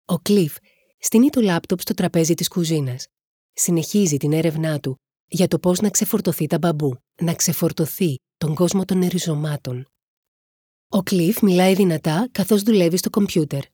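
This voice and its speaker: Female audiobook narrator, husky and low, steady delivery, dry recording. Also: dry recording. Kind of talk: reading a novel aloud.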